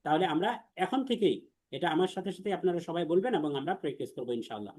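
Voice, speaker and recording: A man's voice: on the high side, expressive, rapid-fire, darkish tone. A man teaching an Arabic letters class for the Quran, explaining step by step with patience and repetition, and leading students in call-and-response drills.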